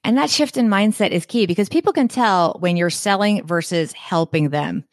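A woman's voice: mid-range voice, moderate pace, no echo, clean studio sound. A woman from New Jersey hosting a podcast, affirming her guest and asking guiding questions. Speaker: podcast host. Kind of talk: podcast interview.

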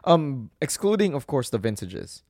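A man co-hosting a podcast in casual chat, enthusiastic and quick to agree. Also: mid-range voice, very animated, a little mellow, dry recording, studio quality. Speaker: podcast co-host.

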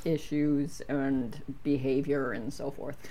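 A woman guest on a podcast, chatting casually and telling anecdotes in an animated way. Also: rumbling low, takes it slowly.

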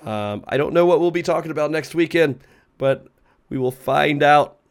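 Congested man hosting, casual and clear. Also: on the high side, normal speed. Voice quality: congested, stuffy nose from being sick. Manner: laid-back, sweary, laughs often. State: sick with a cold. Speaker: host of a gaming talk show. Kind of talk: casual chat. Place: remote online group call, streamed.

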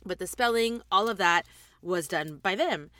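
A woman's voice: medium pitch, moderate pace, bright, forceful tone, dry recording. A woman in her forties hosting a podcast, chatting casually and rambling with frequent ums, recorded inside a closet on a desktop microphone. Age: 40s. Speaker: podcast host. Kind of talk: casual chat. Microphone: desktop USB microphone.

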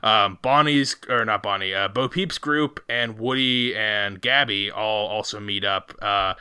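A man co-hosting a casual film review, rambling through animated retellings with quoted asides. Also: lowish voice, a little slow, smooth, no echo, studio quality. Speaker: podcast co-host reviewing a film.

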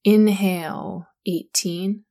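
A woman guiding a sleep meditation in a calm, soothing, slow manner. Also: mid-range voice. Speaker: meditation guide.

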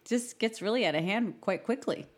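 A woman co-hosting a casual movie podcast, walking through the plot in a musing, slightly unsure way and stopping to ask questions. Her voice sits at a plain middle pitch. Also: normal speed. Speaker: podcast co-host. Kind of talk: casual movie review chat.

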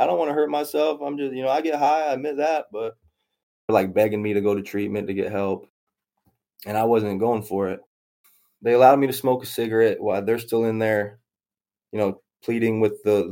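A man's voice: lowish voice, warm tone. A young man tells a rambling personal story, repeating himself and acting out what others said. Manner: rambling, repeats phrases, acts out voices in quotes. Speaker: storyteller recounting his past. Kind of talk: personal story told in casual talk.

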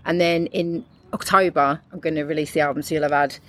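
A woman's voice: deep voice, steady tone, brisk, fairly bright tone, slight background noise. A woman with a south London accent chatting casually and candidly as an interviewed musician, blunt and sweary. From Croydon, south London. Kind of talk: casual chat.

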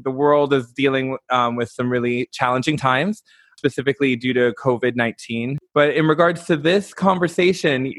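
A man hosting a casual interview show, effusive and quick to laugh. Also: mid-range voice, fairly bright tone, dry recording. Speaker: podcast host.

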